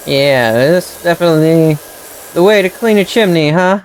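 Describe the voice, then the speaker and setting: A woman's voice: on the low side, lively intonation, moderate pace, darkish tone, slight background noise, poor audio. A woman streaming a game, muttering dry sarcastic remarks and playfully meowing now and then. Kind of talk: casual gameplay commentary.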